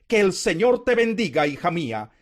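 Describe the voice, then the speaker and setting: A man voicing a kindly, authoritative landowner in a scripted scripture reading, solemn and measured. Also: sits high, sing-song. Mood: solemn blessing. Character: kindly, authoritative male landowner of biblical times.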